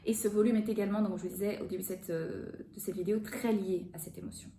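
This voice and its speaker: A woman in her forties, a voice therapist explaining a topic to viewers in an expressive, animated way. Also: medium pitch, fast, slight background noise. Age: 40s. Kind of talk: educational video talk. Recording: echoey room.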